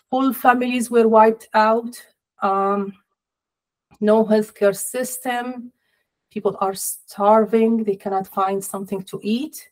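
A middle-aged woman speaking as an interview guest over a video call, measured and sorrowful, with deliberate pauses. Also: medium pitch, rough recording. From Palestinian, family in Jordan. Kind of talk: personal interview. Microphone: laptop or webcam on video call.

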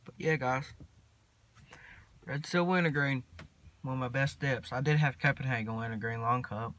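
A teenage boy, rambling casually to his phone camera from inside a parked truck, mumbling in a laid-back drawl with long pauses. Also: medium pitch, a bit bright. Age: teens. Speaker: vlogger. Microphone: phone camera at arm's length.

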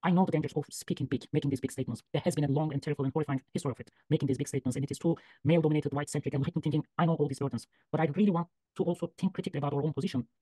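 Fast, earnest man on a video call. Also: on the high side, steady tone, mellow, no room sound, poor audio. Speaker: guest speaker, human geographer. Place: room with bookshelves, indoors. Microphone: laptop webcam video call.

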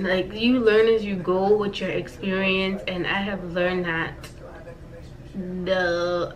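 Poor audio captures a medium-pitched woman, an American in her thirties, vlogging to camera. She's chatty and playful in this casual life update and repeats phrases for emphasis.

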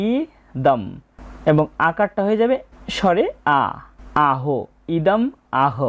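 A woman teaching how to pronounce Sanskrit verses, breaking words into single sounds and drawing them out slowly as she recites. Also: low voice, a little mellow. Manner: slow, deliberate, spells out sounds one by one. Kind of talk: pronunciation lesson on Sanskrit verses.

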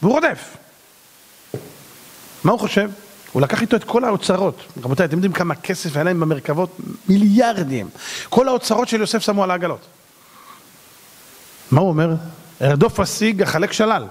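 A man with a high-pitched voice teaches a Torah lesson as a rabbi. He tells the story with energy, drops slangy asides, acts out the quotes and sometimes shouts. His delivery moves between loud and quiet. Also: lively intonation, long pauses. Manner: bursts into shouts.

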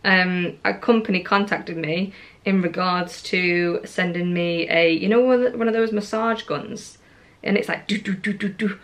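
Indoors in her home living room, a twentysomething vlogger rambles casually to camera, full of "likes" and "ums." Her voice is on the low side, steady and unhurried.

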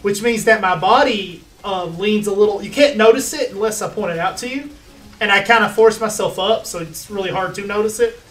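A man in his twenties hosts a relaxed gaming stream on a headset mic, cracking laid-back, self-deprecating jokes. His voice is high-pitched and fairly bright and runs a little fast, with faint game music behind him.

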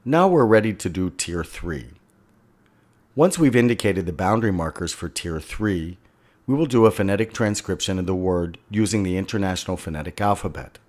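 A man with a very low voice walks through a software tutorial one step at a time. He speaks as an instructor over a screen recording, giving plain, steady directions.

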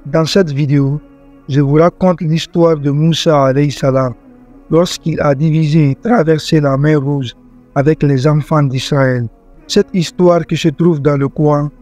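A man tells a religious story in a measured, earnest scripted narration, his voice sitting a little high for a man yet mellow and warm. Quiet music plays softly behind him. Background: faint background music.

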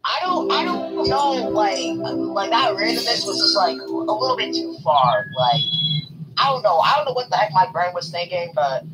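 A man's voice: high voice, big pitch swings, normal speed, over loud music, rough recording. A man rambling defensively in casual voice chat during an online game, full of fillers and restarts.

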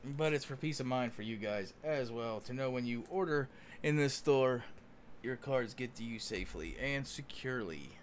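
A man's voice: medium pitch, expressive, moderate pace, slight background noise. A man hosting a sports card break, giving casual running commentary in a chatty, folksy way, as if talking to friends. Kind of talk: casual running commentary while opening cards. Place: indoors at a card-covered table.

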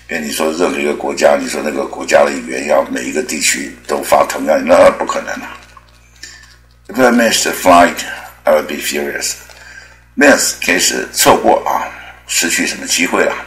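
A man teaching English pronunciation in a chatty, rambling way, with many drawn-out filler particles. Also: extremely low pitch, fairly bright tone, echoey room, poor audio. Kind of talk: spoken language lesson.

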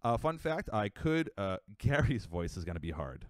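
A young man chatting casually on a live stream, rambling with fillers and quick asides. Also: lowish voice, sing-song, no echo, clean studio sound. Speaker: livestreamer.

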